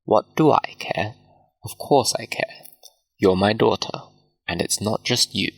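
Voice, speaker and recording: A man voicing a stern, cold middle-aged father who lectures his daughter, in a slow read-aloud manner. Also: on the low side, vocal fry, slightly rough, heavily acted, rough recording. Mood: cold, lecturing.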